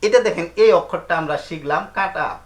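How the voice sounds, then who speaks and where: A man with a somewhat high voice, speaking at a moderate pace, teaches Quran letters and how to pronounce them. He goes slowly and step by step, patiently repeating each sound and questioning his pupils. The recording has a roomy echo.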